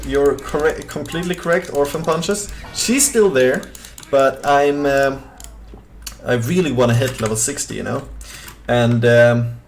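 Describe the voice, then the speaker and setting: Over a little hiss or hum, a young man from Sweden talks in a medium-pitched voice on a gaming live stream. His Swedish accent is clear as he rambles casually, reads the chat out loud, and leans heavily on fillers.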